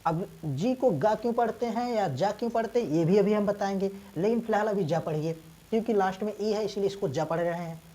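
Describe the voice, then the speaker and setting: An unwell woman teacher, coughing now and then, teaches an English reading lesson in Hindi, explaining the rules step by step, spelling letters slowly, and answering her own questions. Her voice is medium-pitched and dark, and the recording is rough.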